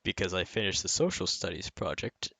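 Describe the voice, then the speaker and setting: A woman's voice: very deep voice, lively intonation, brisk, sharp tone, breathy edge, no room sound. A young woman co-hosting a podcast in casual chat, laughing often and speaking aside to someone off mic. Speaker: podcast co-host.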